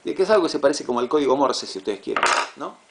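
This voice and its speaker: Man, classroom lecture, gravelly voice, patient, repeats himself. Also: a little high, lively intonation, rapid-fire, background noise. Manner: patient, repeats words, asks "¿sí?" to check. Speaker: teacher.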